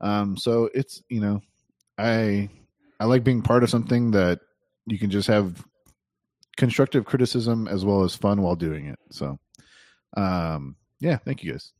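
Guy cohosting a gaming podcast, kinda low voice, dry sound, keeps cracking up mid-sentence. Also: a little slow, a little mellow, no echo. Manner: laughs often mid-sentence, rambling. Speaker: podcast co-host. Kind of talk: casual chat.

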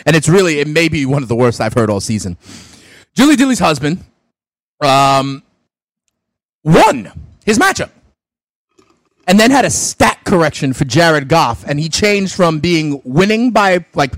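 A man's voice: fairly high pitch, unhurried, pauses often, no echo. A young man hosting a fantasy sports radio show, chatting casually and animatedly while opening gifts. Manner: animated, exclaiming, talks with mouth full.

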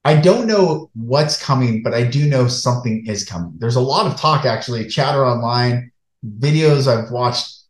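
A man speaking to his online viewers in an earnest, preacher-like monologue, with emphatic, deliberate phrasing. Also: mid-range voice, animated. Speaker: online show host. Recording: echoey room, flawed stream audio.

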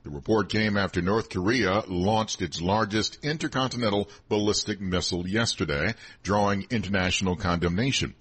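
A man's voice: sits low, a bit bright, breathy edge. A man reading scripted headlines as a radio newsreader.

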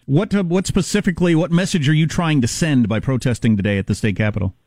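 A man's voice: on the high side, quick pace, a little mellow, dry recording, studio quality. Opinionated talk radio host man. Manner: conversational, opinionated, keeps the interview moving.

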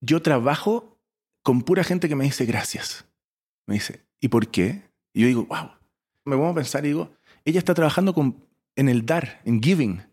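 Man, from Chile, 40s, startup founder, interview guest, animated storytelling, expressive, loud bursts and soft asides. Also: medium pitch, moderate pace, slightly rough. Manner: expressive, swings between loud bursts and soft asides, mixes in English phrases.

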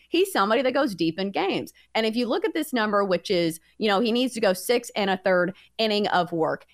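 A woman co-hosting a sports betting show, giving picks in a confident, playful, conversational way. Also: mid-range voice. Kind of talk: casual betting tips and banter.

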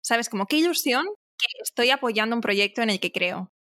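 A woman with a crisp, bright voice interviews a guest. She sounds encouraging and affirming, and her voice is recorded dry and close. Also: on the high side, animated, brisk, no room sound.

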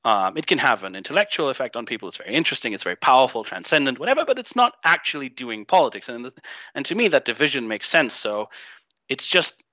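Speaking fast with big swings in pitch, this Greek-raised podcast guest has a bright, forceful mid-range voice. He's blunt and profane in the casual interview, full of ums and false starts. There's no echo, though the dry recording sounds slightly muffled.

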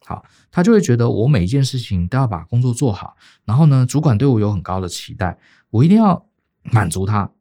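A middle-aged Taiwanese man co-hosts a podcast, telling a casual career story in Taiwanese-accented Mandarin and often pausing on fillers. His voice is warm and medium-pitched with big pitch swings.

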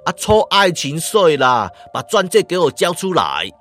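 A man's voice: fairly high pitch, very animated, a bit bright, soft background music. A man voicing a sleazy, taunting male street thug, mocking and threatening. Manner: jeering, drawn-out mocking taunts.

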